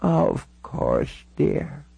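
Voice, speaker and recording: A gentle, confused old Canadian woman of ninety-six drifts through her words in a high, slow, quavering voice, as a man reads her in an audiobook. The sound is husky and dry, close to the mic. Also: wildly swooping pitch, no echo, heavily acted. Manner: drawn-out, wandering speech. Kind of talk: audiobook character voice.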